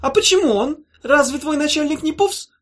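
A woman's voice: high voice, lively intonation, moderate pace, pitched above the performer's own voice. A woman voicing a vengeful young former witch who scolds sharply. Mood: furious.

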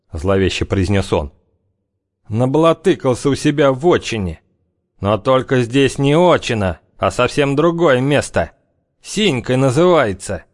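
A man's voice: no echo, studio quality, lightly acted. A man voicing a hardened, sinister gang leader who speaks in ominous, weary warnings. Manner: raised pitch, ominous warnings.

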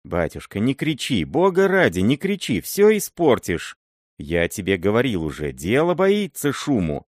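Old miller, wheedling and fearful, voiced by a male reader: high, animated, dry storybook read. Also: moderate pace, no echo. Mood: pleading. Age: older. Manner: pleading, wheedling, high-pitched. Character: timid fawning old male miller sorcerer. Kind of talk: audiobook character voice.

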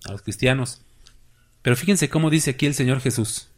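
A man's voice: medium pitch, brisk. A man preaching a sermon as pastor, with emphatic rises and drops, asking the congregation questions.

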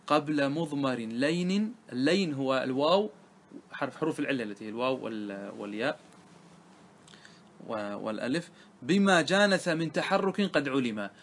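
A man's voice: fairly high pitch, a bit bright. A man, a religious scholar, teaching a grammar lesson to a class, often quizzing his students and repeating the key points.

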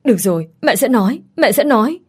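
A woman's voice: mid-range voice, a little slow, warm tone, slightly rough. A woman voicing a frightened older mother who anxiously begs her son in an audio story. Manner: pleading, anxious.

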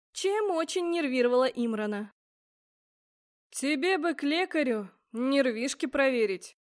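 A woman reading a first-person fantasy audiobook aloud, expressive and voicing the characters as she goes. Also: high-pitched. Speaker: audiobook narrator.

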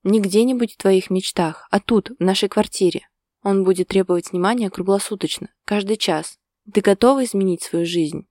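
A woman's voice: mid-range voice, moderate pace, a little mellow, no room sound, studio quality, lightly acted. A woman voicing a tired, evasive young man who answers with weary sarcasm, in a storybook reading. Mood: tired, irritated.

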